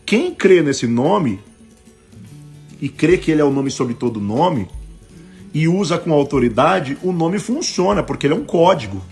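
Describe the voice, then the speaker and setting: A man with a Brazilian Portuguese accent, a bishop preaching a sermon on a live stream, telling stories and acting out the voices in them, swinging between loud bursts and hushed asides. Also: a little high, big pitch swings, measured pace, soft background music. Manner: acts out quoted voices in his stories.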